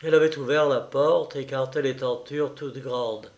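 A man reading a first-person novel aloud in a measured, deliberate narration. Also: medium pitch, steady tone, darkish tone, highs cut off. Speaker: audiobook reader. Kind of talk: literary narration.

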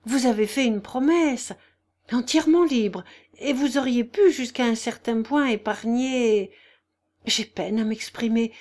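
A woman's voice: a little high, darkish tone, lightly acted. Woman doing a stammering flustered nobleman. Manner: stammering, halting.

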